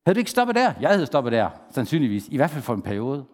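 A man preaching a sermon, lively, asking the congregation questions and acting out the people he quotes. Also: mid-range voice. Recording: long hall reverb.

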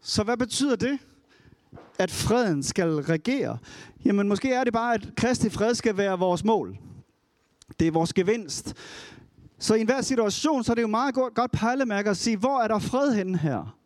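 A man preaching a sermon in a conversational way, retelling a Bible story with lively storytelling. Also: sits high, no echo.

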